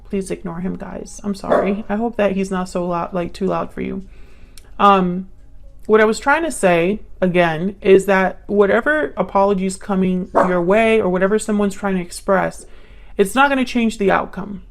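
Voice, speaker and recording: Woman, tarot reader, casual, thinking aloud, gravelly edge, mid pitch. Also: normal speed, slight background noise. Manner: musing, thinks aloud while pulling cards.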